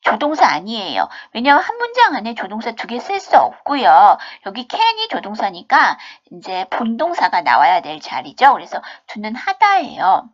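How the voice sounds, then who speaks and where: A woman teaching an English lesson, explaining step by step, asking and answering her own questions, and reading example sentences slowly and with exaggeration. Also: on the high side, wildly swooping pitch, highs cut off. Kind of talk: recorded online English lesson.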